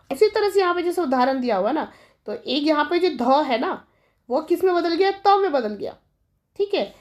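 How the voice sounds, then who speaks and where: A woman with a high voice teaches a classroom-style grammar lesson. She works through each example step by step, posing questions and answering them herself, and she calls her students children.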